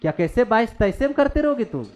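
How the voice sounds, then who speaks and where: A man's voice: very high voice, sing-song, fast talker, a little mellow. A man, teaching maths in a classroom. He scolds his students bluntly, then talks through calculus steps with English maths terms mixed in. He sounds stern and plain-spoken.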